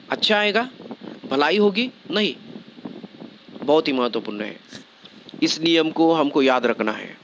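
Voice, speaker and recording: A man's voice: a little high, a bit bright, a little hiss or hum. A man giving a sermon as a preacher, repeating phrases and asking the listeners rhetorical questions. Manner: repetitive, rhetorical questions, frequent "okay".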